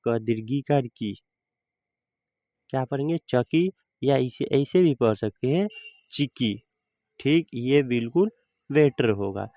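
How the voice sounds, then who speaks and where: A man teaching a reading lesson, slowly explaining each word and answering his own questions. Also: medium pitch, lively intonation, mellow, no room sound, lo-fi sound.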